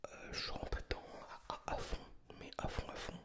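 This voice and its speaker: A man whispering in a hushed, breathy library whisper, chatting informally and hesitantly about things in ASMR style. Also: a little fast. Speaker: ASMR video creator. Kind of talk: whispered ASMR book chat.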